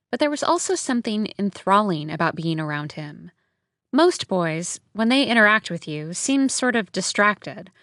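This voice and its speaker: A woman's voice: medium pitch, no echo, studio quality. A woman reading a novel aloud as a first-person narrator, in an intimate, reflective way. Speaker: audiobook narrator.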